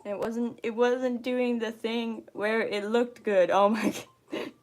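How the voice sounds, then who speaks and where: A woman's voice: fairly high pitch, fairly even intonation, takes it slowly. A young woman chatting on a livestream while writing a script, repeating phrases to herself as she works.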